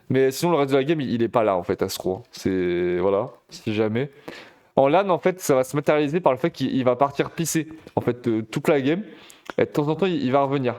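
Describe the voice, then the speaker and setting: Excitable esports caster, high voice. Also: male voice. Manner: chatty, excitable, addresses viewers directly. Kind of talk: live game commentary.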